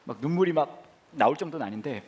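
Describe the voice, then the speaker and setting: A man pastor telling stories in a humorous sermon, playful and animated, acting out others and bursting into shouts. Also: fairly high pitch, quick pace, background noise. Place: church sanctuary.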